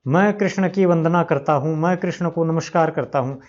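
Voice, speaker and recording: A man teaching Sanskrit grammar, explaining rules and slowly repeating each example word to model how it is pronounced. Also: on the high side, darkish tone. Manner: slow, repeats examples, stretches out words to pronounce them. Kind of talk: explanatory lesson. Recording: dull lo-fi recording.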